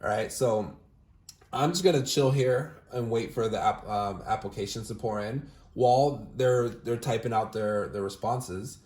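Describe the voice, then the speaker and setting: A young recruiting manager with a lowish, darkish voice takes his time, casually walking viewers through sales-team callbacks on screen and then a phone interview. He's upbeat and fills the gaps with "all right?" and other fillers, and the audio is roomy and echoey.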